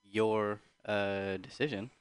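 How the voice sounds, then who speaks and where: A man's voice: lowish voice, steady tone, slow, smooth, no room sound, clean studio sound. Laid-back young man, podcast co-host. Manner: laid-back, hesitant with frequent laughs. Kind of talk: casual podcast banter.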